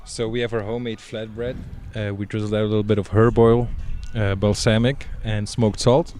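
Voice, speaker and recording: A young man from Belgium, a chef, calmly describing dishes in a casual interview. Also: fairly low pitch. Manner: plain, unhurried descriptions with fillers.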